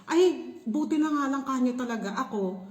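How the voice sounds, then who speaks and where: A young Filipina woman telling a story in a casual vlog, animated and laughing often. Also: high voice, normal speed, reverberant. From Philippines. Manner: animated, laughing, shrieks when reenacting. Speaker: vlogger.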